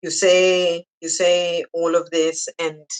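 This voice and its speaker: A podcast host leads the interview in an effusive way and keeps repeating praise. The voice sits at a middle pitch and never goes high or low. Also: little pitch movement, slow pace, clear, resonant tone, low-quality recording. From Zambia.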